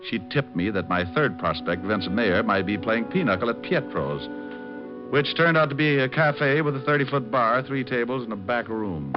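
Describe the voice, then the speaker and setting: In a muffled old-time radio recording with music underneath, a man with a medium-pitched voice plays a cocky, tough 1940s private detective. He narrates at normal speed, lightly acted, with a wry, clipped delivery.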